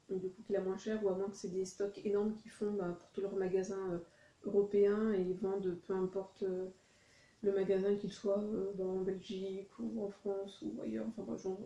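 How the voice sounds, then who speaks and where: Chatty woman with a dark, mellow voice. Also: medium pitch, reverberant, poor audio. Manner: rambling, self-correcting, chatty. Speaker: vlogger showing shopping haul. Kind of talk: casual chat.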